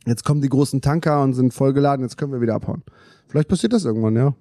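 A man in a casual podcast chat who tells stories in an animated way and rushes through phrases. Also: mid-range voice, no room sound, studio quality. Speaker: podcast co-host.

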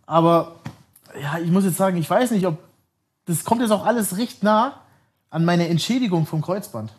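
A man's voice: high-pitched, normal speed, breathy edge. A man in his thirties, a podcast guest telling long stories in a rambling, casual way, often laughing and correcting himself. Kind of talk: casual storytelling.

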